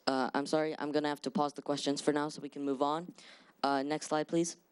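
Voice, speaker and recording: At a mock school board meeting, a male presenter fields questions with confidence, though his answers are full of hesitant "uh"s. His voice sits fairly high, with a level tone and a quick, smooth delivery.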